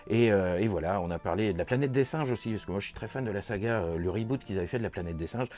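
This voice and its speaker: Chatty low-voiced Frenchman, rambling. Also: fast talker, darkish tone. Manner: enthusiastic, rambling, many fillers and repeats. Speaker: vlogger recounting a convention. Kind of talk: casual vlog recap.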